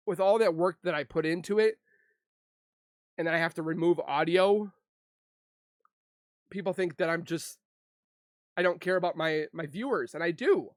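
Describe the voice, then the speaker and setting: A man with a somewhat high voice talks through his frustrations with his online audience. He speaks haltingly, restarting often and holding back tears. The recording is close and dry, with no room sound. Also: no room sound. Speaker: YouTuber. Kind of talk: emotional venting to viewers.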